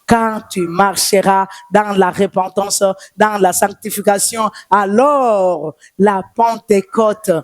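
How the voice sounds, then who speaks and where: A woman's voice: mid-range voice, darkish tone, no room sound. A woman prophetess with a Congolese French accent, giving a fervent testimony in a repetitive, sing-song preaching cadence.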